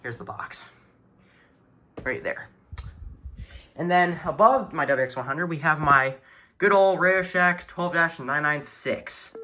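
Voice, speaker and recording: Speaking slowly with long pauses, this man has a highish voice and a bright, forceful tone. He's a keen hobbyist showing off his weather radio collection at home in a relaxed, talkative way while holding the camera himself and staying off screen. The audio carries faint noise and the clicking of buttons.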